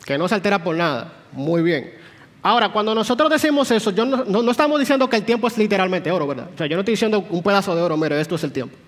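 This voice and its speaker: This Sunday school lecture in a church hall comes from a man with a high, expressive voice and rapid-fire delivery. He explains patiently and puts questions to the room, while long hall reverb lingers.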